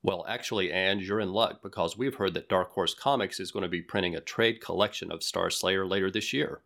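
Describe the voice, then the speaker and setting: A man co-hosting a podcast, reading listener mail in an even, friendly way. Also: deep voice, a little fast, vocal fry. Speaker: podcast co-host.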